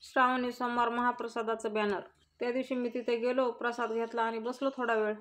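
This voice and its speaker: A woman's voice: fairly high pitch, little pitch movement, brisk, a bit bright, lightly acted. A woman reading the lines of a plain working man giving his account as a witness, matter-of-fact. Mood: testifying.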